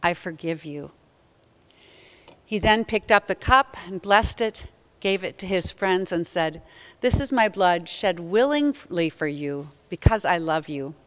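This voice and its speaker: A middle-aged woman pastor leads a communion liturgy in a smooth, resonant voice. She reads slowly and solemnly, in a prayerful way, from the front of a church sanctuary, heard through a distant camera. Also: fairly low pitch, lively intonation, a bit bright. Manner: slow, solemn, prayerful reading.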